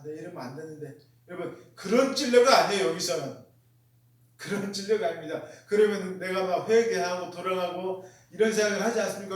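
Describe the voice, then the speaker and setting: A man delivers a sermon in a high, carrying voice. He hammers home each point by repeating it and keeps asking his listeners questions. He sounds set back from the mic, in a room full of echo. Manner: emphatic, repeats key phrases, asks the congregation questions. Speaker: pastor. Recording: very echoey room, mic far off.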